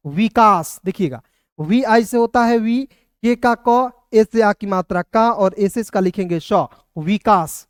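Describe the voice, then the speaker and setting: A man teaching a spelling lesson, slowly spelling words out letter by letter and checking that listeners follow. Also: high-pitched, smooth, no echo, clean studio sound. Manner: slow, patient, repeats letters one by one; calls listeners "friends" often.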